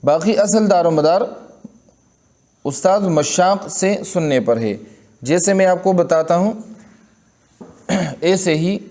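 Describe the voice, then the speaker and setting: A man from Pakistan teaching Quran recitation rules in Urdu, explaining each rule and then showing it in slow, drawn-out recitation. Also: high-pitched, dark tone. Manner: repeats words and checks in with listeners. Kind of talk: Urdu tajweed lesson with recitation.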